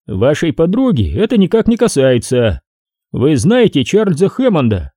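A man reading an audiobook, voicing a tall male police officer who questions a suspect in an even, expressionless tone. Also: fairly high pitch, moderate pace, dry recording, clean studio sound, voice pushed up. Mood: cold. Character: tall, flat-voiced male police interrogator.

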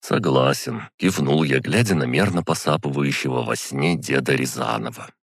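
Deep-voiced male narrator; even, deadpan first-person reading, dry booth sound. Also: moderate pace, gravelly, no room sound. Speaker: audiobook narrator. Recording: dry close studio sound.

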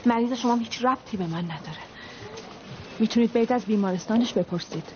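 An actress playing a firm, guarded magazine photographer in dubbed film dialogue. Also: female voice, a little high, noisy background, close to an everyday voice. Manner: cool, firm. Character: brisk, guarded woman photographer. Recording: dull film soundtrack.

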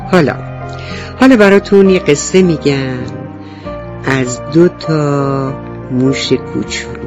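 A man narrating a children's story, animated and speaking directly to young listeners. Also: fairly high pitch, music in the background.

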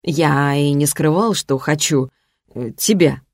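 A woman voicing a calm, teasing young male mage in a soft, unhurried, lower voice. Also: dry recording, clean studio sound, heavily acted.

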